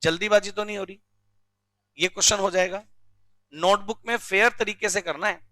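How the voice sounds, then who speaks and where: Bright high-voiced male teacher. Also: fairly even intonation, no room sound. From India. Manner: drilling, asks students questions often; recites rules slowly word by word. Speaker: commerce teacher. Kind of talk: classroom lecture.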